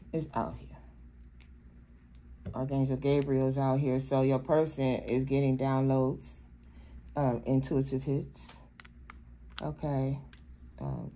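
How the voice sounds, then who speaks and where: A woman doing a casual tarot reading, blunt and profane, halting with fillers and often laughing. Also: extremely low pitch, warm tone. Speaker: tarot reader.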